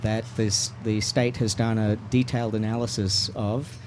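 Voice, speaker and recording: A man's voice: lowish voice, level tone, normal speed, background noise. A man as a radio talk show guest, explaining steadily with frequent restarts. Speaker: mountain bike advocacy guest.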